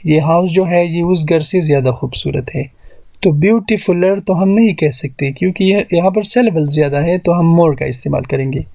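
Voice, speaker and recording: A man teaching an English grammar lesson, explaining rules slowly and spelling words out syllable by syllable. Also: on the high side, vocal fry, warm tone, no echo. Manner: mixes Hindi-Urdu explanation with read-out English rules.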